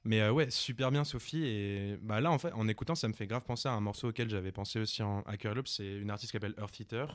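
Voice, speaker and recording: A man co-hosting a casual music chat, thinking aloud and rambling in a relaxed, slangy way. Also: on the low side, fast talker, few pauses. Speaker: podcast co-host.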